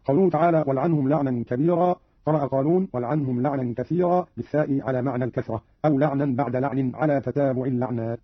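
A man's voice: medium pitch, steady tone, rapid-fire, few pauses, breathy edge, no room sound. A man giving scripted radio commentary, explaining recitation variants and briefly chanting the verses he quotes. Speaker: radio presenter explaining readings. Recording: dull dry radio archive.

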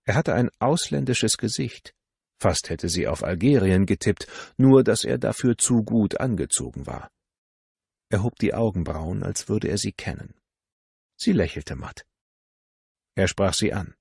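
A man narrating an audiobook in a calm, measured reading. His voice sits very low with a gravelly, husky edge, and the recording is close and dry. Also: no echo. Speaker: audiobook reader. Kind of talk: scripted novel narration.

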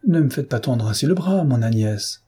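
A man's voice: medium pitch, expressive, normal speed, mellow, husky. A man playing a drunken leering duke. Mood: insistent. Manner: slurring, swaggering.

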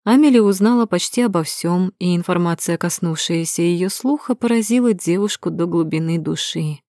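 A woman reading a first-person novel aloud in an even, measured storytelling manner, close to the mic. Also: on the low side, dry recording. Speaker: audiobook narrator. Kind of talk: first-person audiobook narration.

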